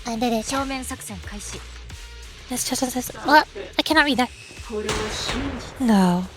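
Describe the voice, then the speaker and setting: A woman's voice: a little high, animated, slow, soft background music. A woman game streamer giving live commentary and reading the story aloud.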